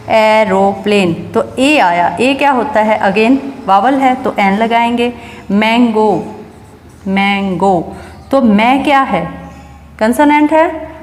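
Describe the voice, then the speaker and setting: Female teacher, fairly high voice, patient step-by-step explainer, recorded in a reverberant room. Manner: explains step by step, asks and answers her own questions. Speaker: English teacher. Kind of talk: classroom grammar lesson. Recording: echoey room with long reverb.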